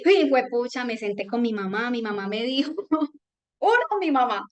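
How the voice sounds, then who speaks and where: Woman giving an animated testimony. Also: a little high, moderate pace. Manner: animated storytelling, acts out quoted voices. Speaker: testimonial speaker. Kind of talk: personal testimony to an audience.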